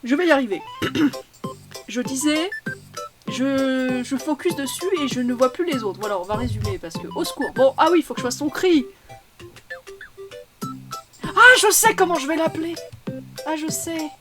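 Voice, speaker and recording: A tired woman rambles through a casual gameplay chat in a fairly high voice. She mocks herself, stammers and restarts often, and keeps talking to her viewers. Game music plays clearly behind her. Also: lively intonation, moderate pace, long pauses. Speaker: voice actor and content creator.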